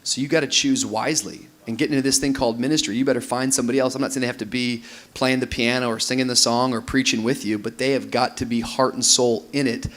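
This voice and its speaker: A man's voice: medium pitch, fairly even intonation, fast talker, hardly any pauses, a bit bright. A man in his thirties, a pastor speaking on a conference stage panel, talking with energy and laughing as he mimics couples. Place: large room with audience on stage.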